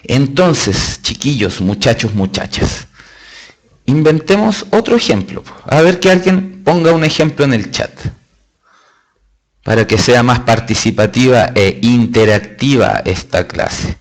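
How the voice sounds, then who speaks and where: A man's voice: mid-range voice, animated, a little slow. Chilean man teaching an online class. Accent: Chilean Spanish. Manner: explanatory, emphatic, with chatty asides. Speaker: test-prep teacher. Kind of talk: live online lecture.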